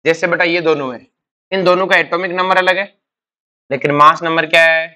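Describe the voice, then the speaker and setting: A man's voice: fairly high pitch, fairly even intonation, normal speed, sharp tone, clean tone. A male chemistry teacher lecturing in class, firing questions and answering them himself, calling students "beta". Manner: quizzing students with repeated questions.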